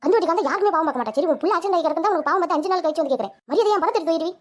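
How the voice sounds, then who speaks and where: A harsh, bossy village moneylender from a Tamil cartoon, voiced by a woman. Her voice sits very high and she fires the words off at a breakneck pace. She speaks with a Tamil accent and scolds relentlessly. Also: expressive, rapid-fire. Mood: scolding. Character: loud pushy female village moneylender.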